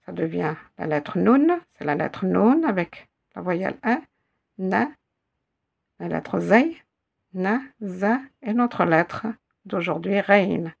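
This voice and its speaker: A woman teaching an Arabic reading lesson in French, patiently repeating each syllable and word slowly for learners. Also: fairly low pitch, lively intonation, vocal fry, slightly rough. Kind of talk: slow spelled-out reading lesson.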